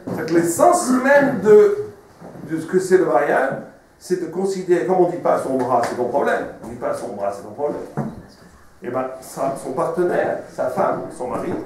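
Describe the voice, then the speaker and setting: A man's voice: fairly high pitch, animated, moderate pace, a little mellow, far from the mic. A man preaching as a rabbi, his voice ringing through a very echoey room from a mic placed well away from him. He tells stories expressively and often repeats words and phrases. A faint hiss sits underneath. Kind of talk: storytelling sermon.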